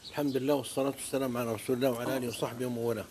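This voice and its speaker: A man's voice: medium pitch, level tone, racing, darkish tone, slight background noise. A man with a Saudi accent, a guest preacher on a talk show, telling stories with fervent oaths and scripture quotes. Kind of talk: religious talk-show storytelling.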